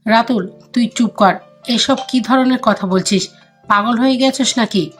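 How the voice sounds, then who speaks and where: A woman's voice: on the high side, a little slow, faint music behind, lightly acted. A woman voicing a stern mother who scolds her grown son in an audio drama. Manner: scolding, commanding.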